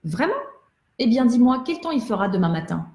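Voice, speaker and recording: A tiny rubber doll with a knack for the future, put on by a woman reading a storybook aloud. She speaks calmly and plainly, reaching high when she calls out. The mellow voice rings in an echoey room. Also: fairly quick. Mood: confident. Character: small talking rubber doll, female, shrewd fortune-teller. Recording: roomy echo.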